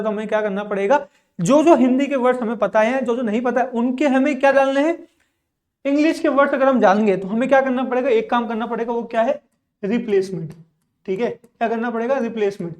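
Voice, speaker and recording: A man teaching English in an online video lesson. He asks a question, answers it himself, keeps checking in with "ठीक है", and repeats each word twice. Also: extremely high pitch. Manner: says "ठीक है" often to check that listeners follow.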